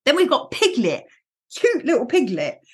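A woman hosting a solo podcast, talking in a lively, playful way and laughing easily. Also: sits high, moderate pace, breathy edge. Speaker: podcast host and coach.

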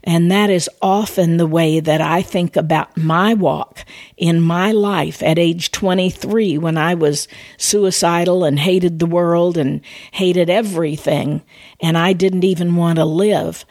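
A woman's voice: on the low side, steady tone, a little slow, a little mellow, no echo, clean studio sound. A middle-aged woman giving an earnest evangelistic testimony and appeal in a preaching cadence.

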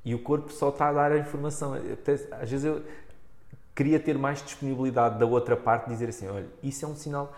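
Casual male podcast voice, European Portuguese accent, mid pitch, exploratory and halting, roomy sound. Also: fairly even intonation, a little mellow. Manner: hesitant, thinking aloud, acts out clients' remarks. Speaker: interviewer and body practitioner. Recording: echoey room.

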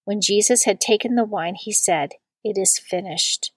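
A woman reading a long scripture passage aloud in a measured liturgical style, slowing down on the quoted words. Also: mid-range voice, husky, no echo. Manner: slow and deliberate on quoted words. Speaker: scripture reader.

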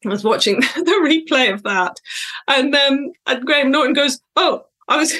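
A woman's voice: high voice, animated, normal speed, pushed and bright. Chatty woman hosting a podcast. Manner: chatty, reflective, digressive with frequent fillers and laughs. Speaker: podcast host and coach. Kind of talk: solo podcast monologue.

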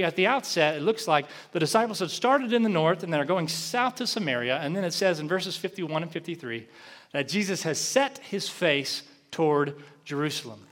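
A man preaching a sermon as pastor, animated, rising in emphasis and dropping soft. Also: a little high, normal speed.

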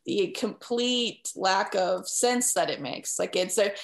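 A woman's voice: medium pitch, slow pace, creaky. Earnest woman in casual conversation. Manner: earnest, emphatic, wordy, uses "like" often. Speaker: interviewer leading the conversation.

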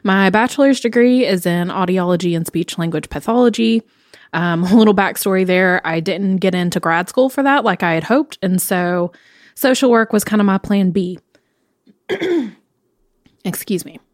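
Co-hosting a casual podcast, a woman in her late twenties from Knoxville, Tennessee talks at a normal speed in an animated, medium-pitched voice, cheerful and peppered with ums. The studio sound is clean, without echo.

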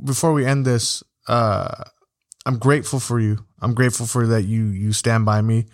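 A man hosting a podcast in casual chat, talking haltingly with many restarts. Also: mid-range voice, fairly even intonation. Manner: halting, full of restarts and fillers. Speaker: podcast host.

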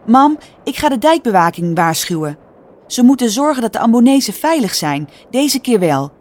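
A woman's voice: on the high side, sing-song, moderate pace, darkish tone, voice pushed up. A woman doing a brave, urgent young girl. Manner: urgent, raised voice. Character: urgent brave twelve-year-old girl.

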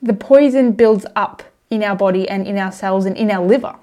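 A woman's voice: medium pitch, normal speed, warm tone. A young adult woman, hosting a podcast and casually explaining health topics with chatty asides. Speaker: podcast host. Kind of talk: casual educational monologue.

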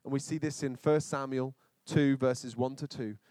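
A man preaching a sermon as a pastor, telling stories with lively, rising emphasis. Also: medium pitch, moderate pace, dry recording. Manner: animated storytelling with rising emphasis.

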